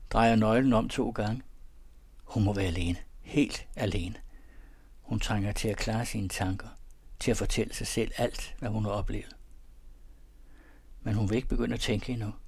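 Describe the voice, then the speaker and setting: A man calmly reading a romantic story aloud in a measured, softly expressive way. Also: lowish voice, vocal fry, husky. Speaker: narrator. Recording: dry close recording.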